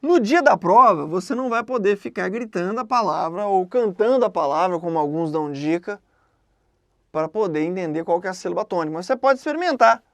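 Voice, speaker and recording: A woman teaching an exam-prep grammar lesson in a conversational way, often checking in with quick questions. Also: mid-range voice, expressive, no room sound.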